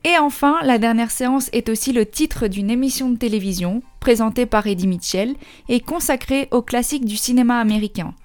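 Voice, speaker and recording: A woman's voice: fairly high pitch, fairly quick, darkish tone. Belgian woman hosting a music podcast. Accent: Belgian French. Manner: chatty, adds joking asides. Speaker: podcast host. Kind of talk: scripted music-history narration with casual asides.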